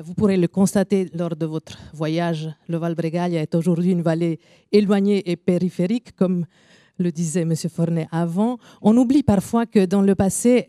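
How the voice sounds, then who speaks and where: A woman with an Italian accent, speaking as an invited guest, delivers a careful, measured formal talk with small pauses. Her voice sits low and warm. The sound is close and dry. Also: dry recording. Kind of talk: formal speech to an audience. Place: evening event venue.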